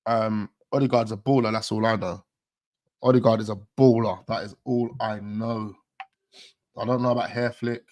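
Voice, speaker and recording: A man's voice: on the low side, steady tone, moderate pace, a little mellow. A man hosting a casual live-stream chat, slangy, loose and jokey, laughing often. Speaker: host of a fan channel stream.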